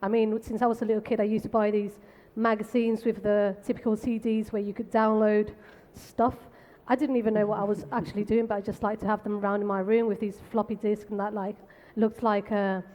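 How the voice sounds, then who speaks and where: A woman from the Canary Islands in Spain, speaking on a tech panel in a brisk, frank, self-deprecating way. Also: medium pitch, little pitch movement, darkish tone. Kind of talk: conversational panel talk. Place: conference stage. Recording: long hall reverb.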